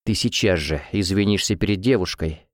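A man's voice: deep voice, normal speed, dry recording, studio quality, pitched below the performer's own voice, lightly acted. A man doing a firm, protective young student. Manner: firm, commanding. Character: steady young male student, protective friend.

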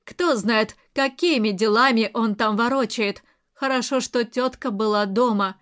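A woman narrating an audiobook. Her voice is fairly high, and she tells the story in a steady, dramatic way. The reading is scripted and measured.

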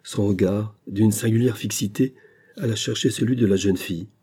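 A man narrating a classic adventure novel as an audiobook, in a measured storytelling manner. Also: on the low side, dark tone, breathy edge.

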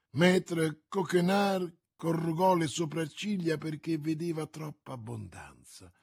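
Slow husky male audiobook narrator. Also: a little high, no room sound, clean studio sound. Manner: measured, theatrical reading. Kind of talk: scripted narration.

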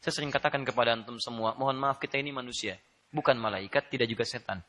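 Male preacher, bright tone, animated, jokey, addresses the crowd directly. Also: medium pitch, fast talker. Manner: animated, joking with the audience, rising to loud laughing emphasis. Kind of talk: Islamic sermon.

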